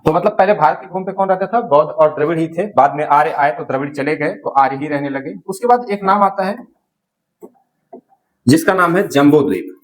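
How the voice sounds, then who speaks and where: High-voiced teacher quizzing his own class. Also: brisk, poor audio. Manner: keeps asking questions and answering them himself; repeats key words, corrects himself mid-sentence. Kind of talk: classroom lecture. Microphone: writing on a board while talking.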